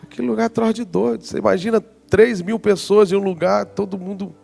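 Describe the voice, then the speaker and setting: Man, forties, pastor, gravelly voice, slightly high pitch, animated sermon storytelling. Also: a little fast, soft background music. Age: 40s. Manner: lively storyteller acting out his own past reactions. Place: church conference hall.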